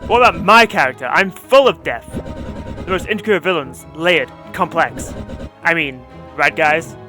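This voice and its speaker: A man's voice: a little high, expressive, moderate pace, bright, forceful tone, soft background music. A man voicing a vain, indignant storybook dragon villain from a video game in an emphatic, boastful way. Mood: boastful, pleading.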